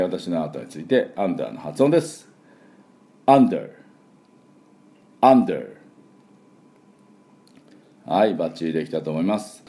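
A man teaches English pronunciation with a deep, warm voice. His delivery swings widely in pitch as he demonstrates sounds. He slows right down to drill words for the listener to repeat. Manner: lively, demonstrative, drills words slowly for repetition. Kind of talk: spoken English pronunciation lesson.

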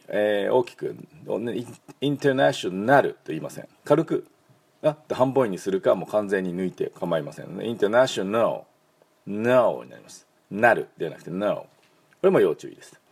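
Male English school principal, low husky gravelly voice, lively pitch, patient drill-style teaching. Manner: many fillers, repeats words for learners to copy. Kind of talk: English pronunciation lesson.

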